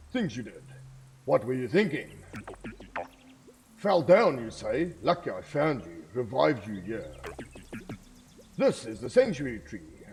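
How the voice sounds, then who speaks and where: A man doing a deep, weary sanctuary tree spirit. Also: vocal fry, slight background noise. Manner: dry, weary and teasing.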